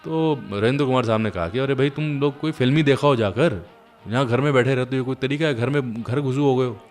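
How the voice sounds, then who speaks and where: A radio host with a medium-pitched voice, talking a little fast, shares anecdotes on his music show. He speaks chattily and directly to listeners while music plays behind him.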